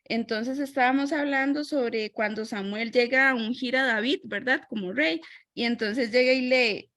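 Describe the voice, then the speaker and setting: A woman's voice: on the high side, moderate pace, fairly bright tone, dry recording, studio quality. A woman with a Costa Rican accent chatting casually in a Bible study group, with frequent tag questions and self-corrections. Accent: Costa Rican Spanish. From Costa Rica. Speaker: church member sharing.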